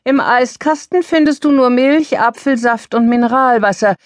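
A woman reading a sharp, angry young mother. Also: lowish voice, big pitch swings, moderate pace, slightly rough, no echo. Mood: curt. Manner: sharp and scolding.

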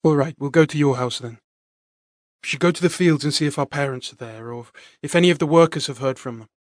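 A man's voice: fairly high pitch, fast talker, no room sound, studio quality, close to an everyday voice. A man voicing a distressed young man in an audiobook, his speech shaken and breaking. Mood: determined.

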